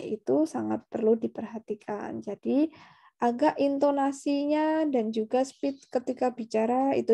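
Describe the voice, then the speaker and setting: A woman's voice: on the high side, gravelly, warm tone. A woman teaching a public speaking class, explaining step by step and checking in with her listeners. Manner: explanatory, tags sentences with friendly "ya" checks. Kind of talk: online class lecture.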